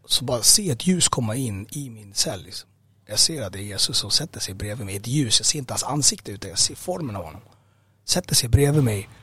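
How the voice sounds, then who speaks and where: A man's voice: mid-range voice, husky, dry recording. A man giving a personal testimony in an interview, speaking hesitantly with many fillers and restarts. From Sweden. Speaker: interview guest.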